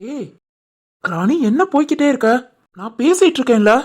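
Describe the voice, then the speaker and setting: A woman voicing a stubborn but loving young village husband in an animated family story, with a Tirunelveli Tamil accent, talking in an insistent, scolding way. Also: high-pitched, normal speed, breathy edge, heavily acted. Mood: coaxing. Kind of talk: animated family drama voice acting.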